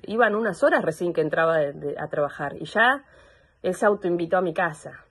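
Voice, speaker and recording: A young woman with an Argentine accent gives personal testimony over a video call, halting and searching for words. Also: lowish voice, expressive, husky. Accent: Argentine Spanish. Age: young adult. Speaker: complainant in a psychological assessment.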